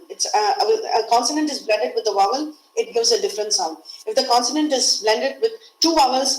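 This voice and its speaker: A woman's voice: fairly high pitch, roomy sound, poor audio. A woman with an Indian English accent, teaching English pronunciation in a webinar and explaining patiently with lots of repetition. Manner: explains patiently, repeats key words. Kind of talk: webinar lecture. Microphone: video call.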